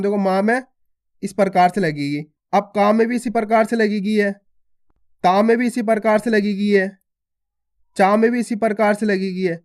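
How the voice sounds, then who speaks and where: A man teaching a beginner reading lesson in a video, repeating each point and asking the viewer questions, drawing out single syllables. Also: very high-pitched. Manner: repetitive, asks the viewer questions, drawn-out syllables. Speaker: Hindi teacher.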